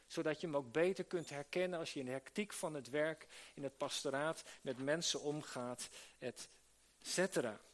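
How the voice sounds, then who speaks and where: A man's voice: a little high, normal speed. A man preaching a sermon to church workers, earnest, with many restarts and rhetorical questions to the listeners. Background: live audience he addresses.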